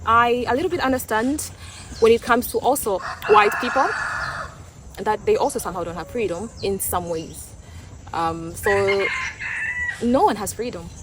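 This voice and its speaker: A young Tanzanian woman who speaks Swahili shares her opinions in English, with a Tanzanian accent, in a thoughtful, casual vlog. Her mid-range voice is expressive and moves at normal speed with long pauses, and she often repeats and restarts words. The background is noisy.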